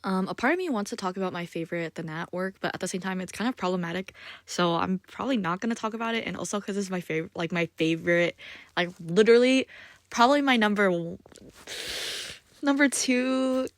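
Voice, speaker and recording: A woman's voice: mid-range voice, fairly quick, no echo. A woman hosting her own podcast, reviewing manga in a casual, unscripted monologue full of "like" and "um," with self-conscious, apologetic asides. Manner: rambling, filler-heavy, frequent "like" and "um".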